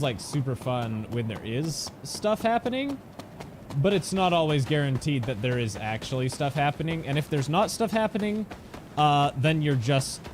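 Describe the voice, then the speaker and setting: A man streaming a game and chatting casually, rambling with lots of fillers and restarts. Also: a little high. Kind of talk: casual gameplay chat. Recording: game engine noise behind voice.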